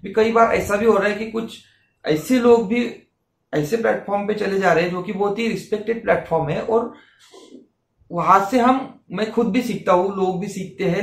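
Man, somewhat high voice with gravelly fry, earnest motivational talk, roomy echo. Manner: earnest, explaining with repeated examples. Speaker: self-help YouTuber.

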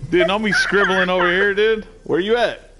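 A man's voice: high voice, fairly even intonation, normal speed, bright, forceful tone. A young man in easygoing, laughing banter while gaming with friends. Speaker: gamer. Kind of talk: casual gaming chat. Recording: game noise behind.

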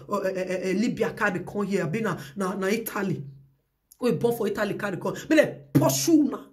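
A woman speaking Nigerian Pidgin English, ranting at her followers with a confrontational, threatening delivery and loud bursts. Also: mid-range voice. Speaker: social media vlogger. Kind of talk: heated rant to followers.

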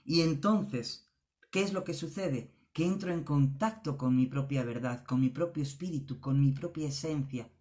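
A woman's voice: low voice, normal speed, dark tone. A middle-aged woman giving an earnest spiritual motivational talk, often tagging her phrases with a questioning "¿eh?". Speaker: spiritual speaker.

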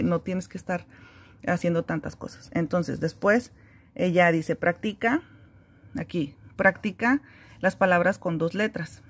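A woman with a slightly low voice walks through a reading lesson step by step. She talks in an easygoing, explanatory way, pausing on fillers as she goes. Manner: relaxed, explanatory, frequent fillers. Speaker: homeschooling teacher.

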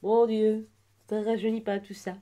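A woman's voice: mid-range voice, little pitch movement, measured pace. Gushing woman in her twenties. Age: 20s. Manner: gushing, many soft exclamations. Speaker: vlogger unboxing a birthday gift. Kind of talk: casual unboxing chat.

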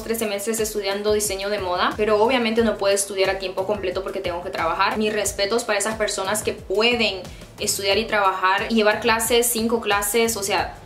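A woman's voice: mid-range voice, a bit bright, echoey room. A woman in her twenties from Honduras with a Honduran Spanish accent, chatting casually and playfully to camera as a YouTuber. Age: 20s. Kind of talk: casual vlog chat to camera. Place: small indoor room by a plain grey wall.

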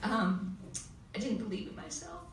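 A woman panelist telling a heartfelt personal story with many pauses, recorded in a school hall. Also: medium pitch. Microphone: table mic heard from far camera. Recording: echoey hall from far off, faint noise.

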